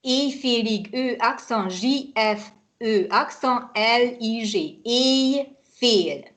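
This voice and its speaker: A woman's voice: fairly high pitch, slow pace, fairly bright tone. A woman from Hungary teaching a language lesson over a video call, patient, spelling words out letter by letter.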